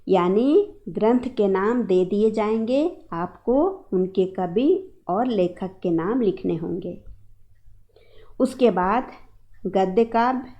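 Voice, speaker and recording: Woman teacher, unhurried, lively pitch, online syllabus lesson. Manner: slow, clear instructions to students.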